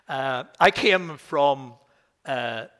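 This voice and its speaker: A man's voice: mid-range voice, extremely slow, sharp tone. An older man with a Northern Irish accent, a minister giving a sermon who reads scripture with rising emphasis and tells stories with chuckling asides. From Belfast. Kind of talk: sermon with scripture reading and anecdotes.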